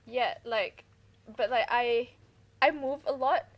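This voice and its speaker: A young woman from Malaysia, a guest answering in a halting way with lots of "like" and "um". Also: fairly high pitch, muffled recording. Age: young adult. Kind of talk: casual interview.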